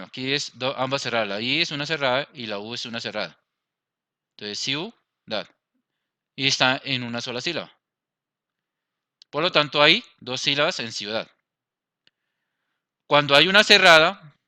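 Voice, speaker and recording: Over slides, a man with a Colombian accent leads his class through Spanish grammar step by step, pausing to check in with the students. His mid-range voice is sharp in tone yet smooth, recorded with no room sound.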